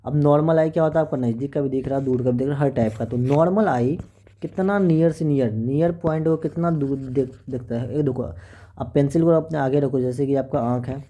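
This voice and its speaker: A man's voice: medium pitch, brisk, warm tone. A man teaching an exam-prep lesson, working through questions in a chatty, coaxing way and often checking with the class.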